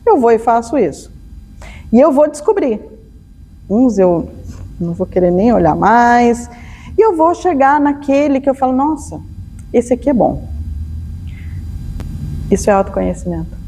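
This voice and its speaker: A woman's voice: fairly high pitch, sing-song, normal speed, long pauses, dark tone, in a large hall, a little hiss or hum. Storytelling Brazilian woman giving a lecture. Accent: Brazilian Portuguese. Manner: storytelling, acts out dialogue. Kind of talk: spiritual lecture.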